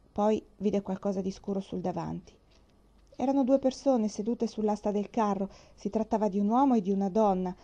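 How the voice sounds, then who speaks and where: Brief: woman audiobook narrator, mellow and calm, on a dull lo-fi recording. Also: medium pitch. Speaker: audiobook reader. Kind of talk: scripted storybook narration. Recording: muffled lo-fi recording.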